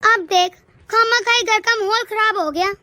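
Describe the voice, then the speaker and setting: A woman's voice: very high voice, normal speed, sharp tone. A woman voicing a stern, lecturing middle-aged mother-in-law in a cartoon. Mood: coaxing. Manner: lecturing, scolding. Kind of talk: cartoon voice acting.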